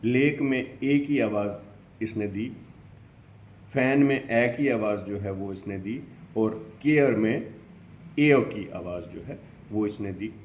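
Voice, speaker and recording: A man's voice: lowish voice, takes it slowly, slight background noise. A man teaching English pronunciation, spelling out each sound piece by piece in a patient, repetitive way. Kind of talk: slow explanatory lesson. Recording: echoey room.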